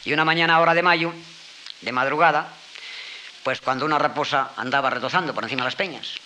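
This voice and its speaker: A man telling a folk tale aloud in a casual, animated way, imitating animal sounds and restarting words as he goes. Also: on the high side, fast, slight background noise, rough recording. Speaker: storyteller.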